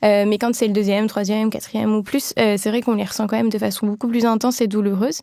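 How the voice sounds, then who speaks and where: A woman's voice: mid-range voice, little pitch movement, fast talker, mellow, no room sound, studio quality. A woman midwife explaining things in a podcast interview, with many fillers and restarts.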